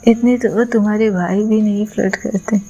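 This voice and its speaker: Woman doing a chatty, excitable young bride. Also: medium pitch, slightly rough, muffled recording. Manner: excited, chatty, quick bursts.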